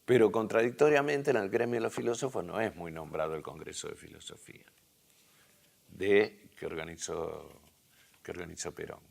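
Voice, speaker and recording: A hoarse man with an Argentine accent lecturing a university class, halting and restarting as he thinks aloud, with tag questions. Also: low-pitched, fairly even intonation. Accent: Argentine Spanish.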